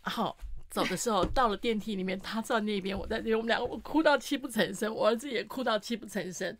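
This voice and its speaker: A woman's voice: medium pitch, fast, slight background noise. A middle-aged woman, a radio guest telling an emotional family story with plenty of feeling. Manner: expressive, tearful retelling with acted-out family quotes. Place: radio studio.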